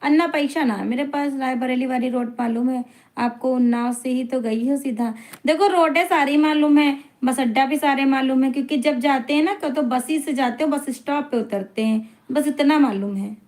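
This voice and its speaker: High-voiced chatty woman live streamer. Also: moderate pace, a little mellow. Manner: chatty, teasing, laughs often. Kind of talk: live-stream chat, reading viewer comments aloud.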